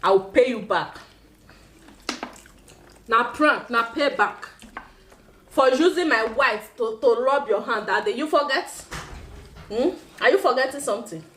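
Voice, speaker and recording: High-voiced Nigerian woman bantering while eating. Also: animated, measured pace, long pauses, fairly bright tone, slight background noise. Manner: giggly, playful. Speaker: mukbang vlogger playing a prank on husband. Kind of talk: casual banter between spouses.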